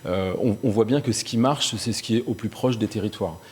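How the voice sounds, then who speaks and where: A man's voice: lowish voice, brisk. A local campaign representative making his case in a televised political debate with assured arguments. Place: local TV studio.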